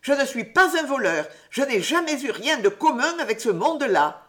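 A woman's voice: a little high, big pitch swings, a little slow, pitched above the performer's own voice. A woman voicing an honest young schoolboy who protests his innocence earnestly.

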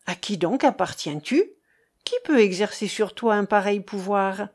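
A woman's voice: medium pitch, unhurried, darkish tone, natural voice. A woman reading the part of an earnest young man who comforts and reassures a troubled companion, in a storybook narration. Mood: earnest comforting.

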